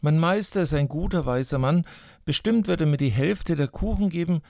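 A man's voice: on the high side, moderate pace, gravelly, a little mellow, no room sound, studio quality. A man voicing a hungry, greedy boy who talks himself into eating more. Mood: scheming. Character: greedy hungry boy, sly and self-justifying.

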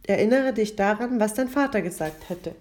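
A woman voicing a calm, gently firm mother in a storybook reading. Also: medium pitch, normal speed, lightly acted. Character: patient, firm widowed mother.

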